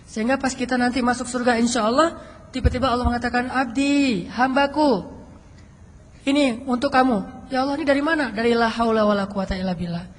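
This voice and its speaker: A man preaching a casual youth sermon, telling stories in a playful, animated way with quoted dialogue and chuckles. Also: very high-pitched, very fast. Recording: echoey hall with faint noise.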